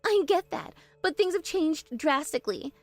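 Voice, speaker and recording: A woman voicing a spoiled, bossy young bride in an animated story, talking in a shrill, demanding way. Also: normal speed, no echo, faint music behind.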